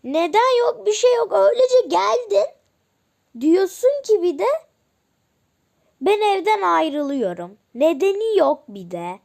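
A woman's voice: very high voice, very animated, slow pace, vocal fry, a little mellow, heavily acted. Woman playing a pleading, exasperated daughter. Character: pleading daughter trying to stop her mother. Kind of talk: family role-play.

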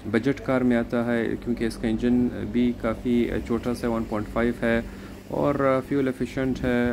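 Outdoor noise surrounds a man vlogging about the car market as he tours a used car auction lot outside. He speaks at medium pitch in a plain, even, informative way, with hesitant fillers.

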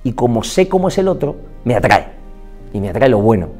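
Spanish doctor man giving a lively talk, acts out quotes, bit of music under it. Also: medium pitch, fairly quick. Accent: Spain Spanish. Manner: expressive, quoting people in lively voices. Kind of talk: motivational talk. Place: indoors, filmed talk.

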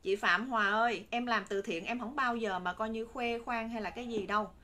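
Her voice is on the high side, a little fast and sharp-toned: a woman in her thirties with a Southern Vietnamese accent selling on a live stream. She repeats her persuasive pitch to viewers from a curtained room stacked with bagged stock. A phone a short distance off records her amid room noise.

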